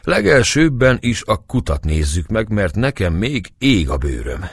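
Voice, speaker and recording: A man voicing a pious, kindly male priest in a storybook, speaking warmly and fatherly. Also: fairly low pitch, very animated, vocal fry, slightly rough, no echo, clean studio sound, voice pushed up, exaggerated voice. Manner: warm, fatherly address.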